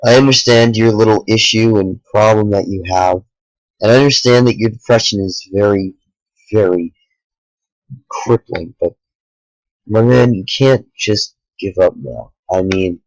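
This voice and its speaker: A tired young man talking earnestly to the camera late at night, a small YouTuber speaking in halting sentences with sighs. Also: lowish voice, no echo, poor audio. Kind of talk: sincere direct-to-camera talk.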